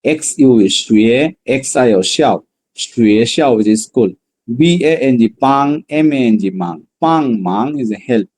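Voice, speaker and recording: Mellow-voiced man teaching a language class. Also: medium pitch, lively intonation, slight background noise. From Bangladesh. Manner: drills words slowly, then explains in quick bursts. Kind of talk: online class lesson.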